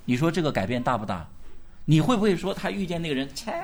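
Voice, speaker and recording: At a church gathering, a male pastor preaches animatedly in a slightly high voice at a fast clip. He fires off rhetorical questions and urges the congregation to answer loudly.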